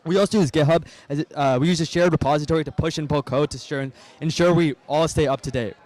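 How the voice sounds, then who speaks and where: A young man with a fairly high voice explains his team's technical setup in a loose, casual manner. He speaks quickly. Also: steady tone, a little mellow. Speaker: student presenter. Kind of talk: technical presentation.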